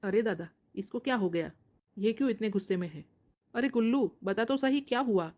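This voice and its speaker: A woman playing a lazy, good-for-nothing young husband who coaxes his angry wife and then backs off meekly. She pitches her voice far lower than her own. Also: expressive, brisk, a little mellow, lightly acted. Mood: nervous. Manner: coaxing, then meek and scared. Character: idle lazy husband, young man, easily cowed.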